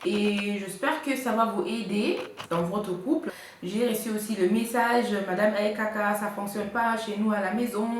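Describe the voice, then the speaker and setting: A woman's voice: medium pitch, moderate pace. A woman giving couple advice in a casual vlog, chatty and full of hesitations. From Congo. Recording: echoey room, faint noise.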